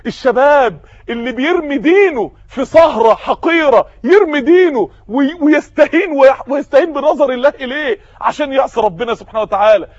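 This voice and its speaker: A man's voice: very high-pitched, lively intonation, fast, no room sound, highs cut off. A man with an Egyptian Arabic accent preaching a sermon, impassioned and firing off rhetorical questions.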